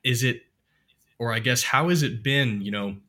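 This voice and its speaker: A man's voice: medium pitch, normal speed, bright, forceful tone. A man hosting a casual podcast interview, asking questions in a friendly, playful way. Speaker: podcast host.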